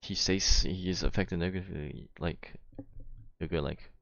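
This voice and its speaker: A man's voice: low-pitched, moderate pace, gravelly, fairly bright tone, no echo, lo-fi sound. A young man casually explaining himself in a rambling, slangy way, with some swearing and frequent check-in tags. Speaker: gamer, vlogger. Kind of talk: casual explanation to camera of a dispute with friends.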